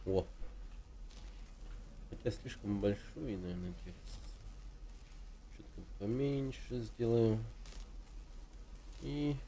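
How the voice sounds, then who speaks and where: A man in his thirties from Russia chatting casually on his game stream, relaxed and rambling, with lots of filler words. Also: mid-range voice, slow, pauses often. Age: 30s.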